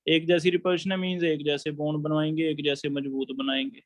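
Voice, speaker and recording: Man lecturing a chemistry class, high voice, dry close sound, explains step by step. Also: level tone, fairly quick, dry recording. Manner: explains step by step, asks students questions. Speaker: chemistry teacher.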